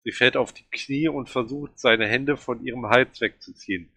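Männlicher vorleser, dramatisch, sehr trockene aufnahme. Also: male voice, mid-range voice, normal speed, bright, forceful tone, husky, no echo. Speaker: reader. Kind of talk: reading a novel aloud.

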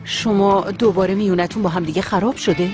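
A woman's voice: medium pitch, fairly even intonation, darkish tone, faint music behind, close to an everyday voice. A middle-aged woman dubbing a fussy, caring mother who nags and fusses over her daughter. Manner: bossy, nagging. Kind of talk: Persian dub of a TV series.

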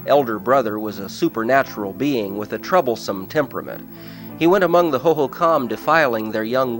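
A man's voice: medium pitch, fairly bright tone. Man narrating a history documentary. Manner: measured, explanatory storytelling. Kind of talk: scripted narration.

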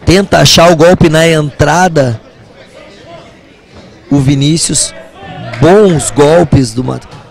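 A man's voice: a little high, takes it slowly, gravelly, pauses often, soft background music, some chatter behind. A Brazilian man giving live kickboxing commentary as a fight commentator.

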